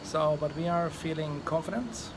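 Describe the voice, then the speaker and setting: A man with a Swedish accent giving a casual, rambling vlog update in a halting, hesitant way. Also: fairly high pitch. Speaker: vlogger. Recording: loud outdoor ambient noise.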